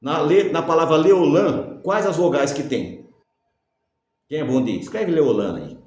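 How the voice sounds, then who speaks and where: A man's voice: fairly high pitch, animated, measured pace, a little mellow. A man teaching a Bible lesson, who asks rhetorical questions and answers them himself, and dictates letters for viewers to write down. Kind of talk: religious teaching lecture. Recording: very echoey room.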